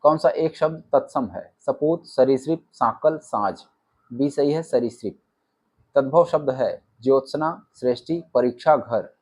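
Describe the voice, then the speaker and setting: A man with a somewhat husky voice and a middle pitch leads an exam-prep lesson. He reads each set of options in a row, then plainly names the right one before moving to the next question. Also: unhurried. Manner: reads options, then states the answer flatly. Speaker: exam coaching teacher. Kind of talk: rapid-fire quiz answer walkthrough.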